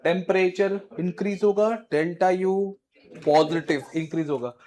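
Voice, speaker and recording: A man teaching a physics class in mixed with English, quizzing his students in a brisk, informal way. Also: sits high, steady tone, darkish tone. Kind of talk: classroom lecture.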